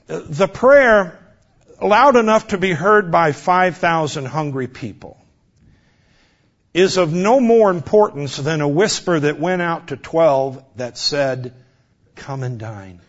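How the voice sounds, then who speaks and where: A man in his fifties preaching a sermon, swinging from loud exhortation down to a hushed near-whisper. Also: a little high, animated, slow pace. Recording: dull lo-fi recording.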